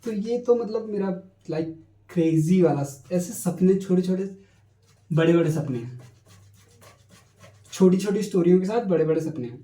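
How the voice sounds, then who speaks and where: A man's voice: sits high, animated, normal speed, long pauses, warm tone. A man in his twenties talking casually about his dreams in a personal vlog, reflective and full of fillers, dropping in English phrases. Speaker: vlogger. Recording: echoey room.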